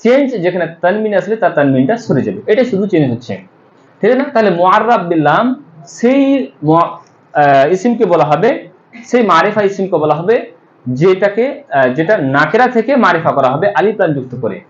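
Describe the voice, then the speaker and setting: A high-pitched man teaches a grammar class. He explains each step, poses questions to the students and answers them himself, pausing on fillers as he thinks. The sound is roomy and somewhat dull, as if recorded lo-fi in a classroom. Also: big pitch swings. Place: madrasa classroom. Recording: echoey room, dull lo-fi sound.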